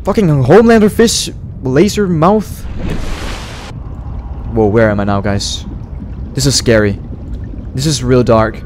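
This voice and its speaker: A man doing casual gameplay commentary, thinking out loud in an excitable, repetitive way. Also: medium pitch, takes it slowly, pauses often, slight background noise. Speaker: gamer, let's player.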